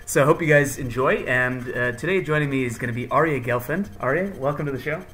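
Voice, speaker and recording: A man's voice: medium pitch, fast talker, fairly bright tone, slight background noise. A man hosting a podcast in a casual, jokey, hyped-up chatting style. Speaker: podcast host. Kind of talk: casual chat.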